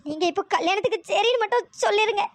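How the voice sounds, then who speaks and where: A voice actor doing a timid, squeaky young cartoon woman. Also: racing. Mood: fearful. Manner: fearful, pleading. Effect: pitch-raised voice. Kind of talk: cartoon drama dialogue.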